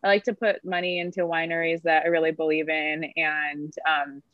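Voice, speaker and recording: A woman's voice: low-pitched, little pitch movement, normal speed, no echo, phone-quality sound. A woman sommelier chatting casually on a podcast, full of fillers and easy laughs. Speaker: sommelier guest.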